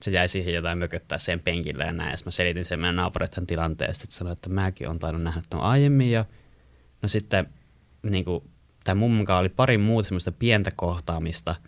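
With a voice that sits low and no room sound around it, a young man from Finland tells his friends a long, meandering story. He leans on many fillers and becomes lively when repeating what people said.

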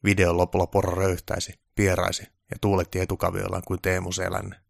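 A man reading a story aloud in calm, scripted narration. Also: sits low, creaky, dry recording, clean studio sound.

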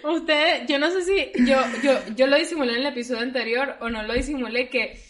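A woman's voice: sits high, fairly even intonation, fairly quick, a bit bright. A young woman with a Venezuelan accent co-hosting a podcast in casual, teasing, slang-heavy chat. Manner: teasing, laughing slangy banter. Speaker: podcast co-host.

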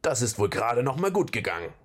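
A man doing a gruff, grumbling axe warrior. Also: medium pitch, big pitch swings, fast talker. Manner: grumbling, growling, blunt. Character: gruff, blunt adult male axe-wielding warrior.

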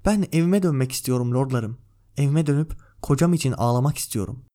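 A man's voice: mid-range voice, fairly quick, dark tone, natural voice. Brief: male reader doing a weary, firm widowed noblewoman from a fantasy novel, earnest plea, no real voice change. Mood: pleading.

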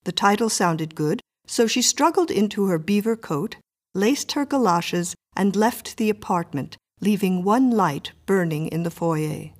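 A woman narrating a story in an even, measured reading voice. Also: medium pitch.

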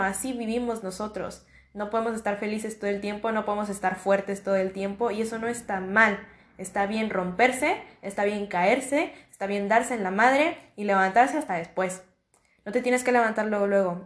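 A woman's voice: medium pitch, a bit bright, roomy sound. A young woman with a Mexican accent hosting a podcast, talking casually in a slangy, reassuring, repetitive way. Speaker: podcast host. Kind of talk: casual motivational monologue.

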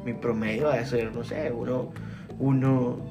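A man's voice: medium pitch, flat delivery, unhurried, creaky, music in the background. A man co-hosting a casual podcast, talking in a slangy, laid-back way and steering to the next segment. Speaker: podcast co-host. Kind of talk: casual chat.

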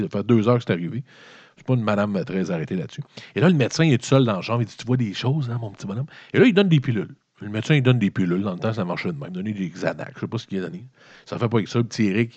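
A man's voice: fairly low pitch, slightly rough, dry recording. A man with a Québécois accent, recapping a movie in a rambling, swearing, comedic way. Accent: Québécois French. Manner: swearing, animated, colloquial storytelling. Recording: dull, lo-fi dry recording.

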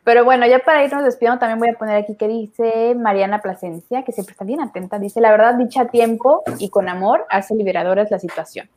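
A woman's voice: a little high, fairly quick, hardly any pauses, a little mellow. A woman with a Mexican Spanish accent hosting a live talk show, chatty and emotional, reading viewers' comments aloud. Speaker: host of an online talk show.

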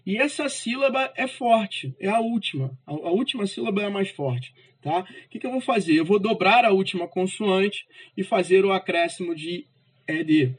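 A man's voice: sits high, normal speed, husky, poor audio. A male English teacher giving a casual grammar lesson, ending almost every phrase with "tá?" and stressing syllables of English example words. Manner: casual, repeats "tá?" as a check after nearly every phrase.

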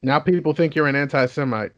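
Teasing higher-voiced man, dull lo-fi mic. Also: fairly quick, no room sound. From Oakland. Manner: teasing, joking, crude. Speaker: podcast co-host. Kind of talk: casual podcast banter. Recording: dull lo-fi sound.

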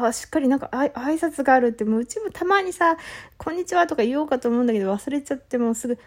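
A young woman hosting a casual solo audio talk, excitable and flustered, apologizing and laughing at herself as she talks in blunt, boyish casual speech. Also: sits high. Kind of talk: casual solo chat, reading a listener letter.

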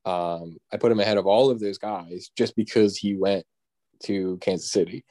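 A man's voice: sits low, moderate pace, warm tone. A young man in casual sports chat, hesitant and filler-heavy, hedging his points. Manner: hesitant, full of "um" and "like", laughs often. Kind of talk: casual fantasy football chat.

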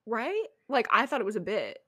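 A young woman co-hosting a casual podcast, telling stories in an animated, giggly way on a close mic. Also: a little high, normal speed. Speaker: podcast co-host. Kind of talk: casual chat.

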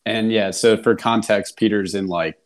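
A man's voice: fairly low pitch, steady tone, moderate pace. A young adult man hosting a casual podcast, chatty, chuckling and steering the conversation. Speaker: podcast host.

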